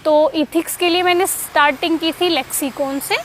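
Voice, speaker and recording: A woman's voice: high-pitched, steady tone, normal speed, slight background noise. A woman giving casual, conversational study advice with frequent fillers and restarts, as someone who passed the exam.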